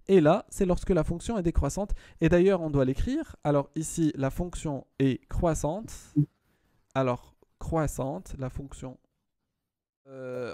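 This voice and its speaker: A man's voice: on the high side, dark tone, no echo, studio quality. A man tutoring a student one-on-one in math, patient, often repeating himself and checking that she follows.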